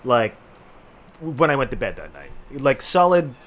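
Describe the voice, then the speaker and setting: A man's voice: medium pitch, sing-song, a little slow, slight background noise. A man co-hosting a podcast, telling a long, rambling story in casual chat, full of "like" and restarts. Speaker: podcast co-host.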